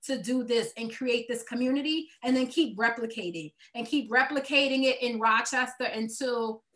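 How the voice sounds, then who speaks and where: A woman's voice: on the high side, normal speed, fairly bright tone. A woman with a Brooklyn accent answering interview questions as a nonprofit executive, earnest and emphatic, repeating words to drive a point home. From Brooklyn, New York, United States.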